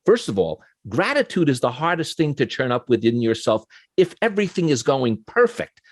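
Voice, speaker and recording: A man's voice: mid-range voice, very animated, moderate pace, no echo. A man with a New York accent hosting an interview, asking earnest, admiring questions. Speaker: interview host.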